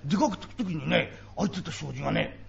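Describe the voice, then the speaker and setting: A man's voice: a little high, lively intonation, creaky, voice pushed down. A man voicing a cheeky young boy who teases and coaxes coins from his father, in a live comic storytelling performance. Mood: coaxing. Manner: coaxing, teasing, drawn-out storytelling. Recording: dull live recording with audience laughter.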